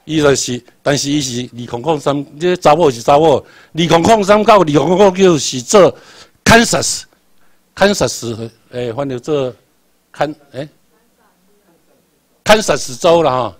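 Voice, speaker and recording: A man's voice: a little high, a little slow, long pauses, dry recording. A man with a Taiwanese accent lecturing a class, repeating points and quizzing the listeners. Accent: Taiwanese Hokkien. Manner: repetitive, quizzes the class, spells out English letters.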